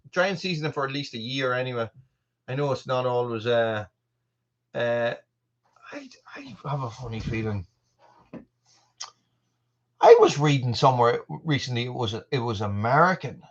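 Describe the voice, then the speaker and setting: A man in his forties with an Irish accent talks casually to his live-stream viewers. He rambles and restarts his sentences, and his voice sits a little high. The sound is muffled and lo-fi. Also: slight background noise. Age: 40s. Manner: rambling, with many fillers and restarts. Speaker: channel host.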